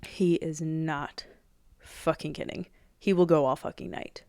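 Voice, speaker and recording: Young woman, podcast host, casual storytelling, heavy swearing, smooth clear voice, dry close sound. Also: low-pitched, unhurried, no room sound. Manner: profane, animated retelling with quoted dialogue.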